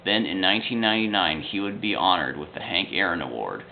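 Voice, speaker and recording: A man's voice: low-pitched, sing-song, fast talker, vocal fry, slight background noise. A young man steadily reading a fact-heavy sports history narration into a webcam in a small room at home. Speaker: video narrator. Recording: tinny lo-fi webcam audio.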